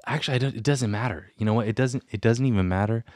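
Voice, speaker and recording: A man's voice: medium pitch, fast, a little mellow, no echo, studio quality. A young man hosting his own podcast, rambling and self-deprecating in a casual solo chat. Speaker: podcast host. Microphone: studio mic with headphones.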